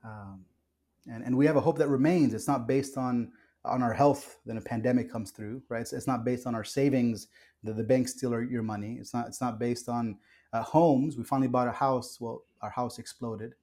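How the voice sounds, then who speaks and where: A man's voice: mid-range voice, fairly even intonation, moderate pace, warm tone. A man who was born in Kuwait and raised in the US, a pastor talking earnestly and reflectively in a podcast interview, with frequent restarts and fillers.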